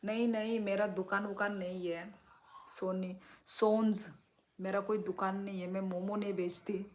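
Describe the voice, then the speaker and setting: A young woman from Tripura chatting casually on a phone live stream at home at night, reading viewers' comments and talking softly so she won't disturb the neighbours. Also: flat delivery, a little slow. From Tripura, India. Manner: chatty, sways while talking, lowers voice to keep it down. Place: small room at home at night. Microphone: phone held or propped close.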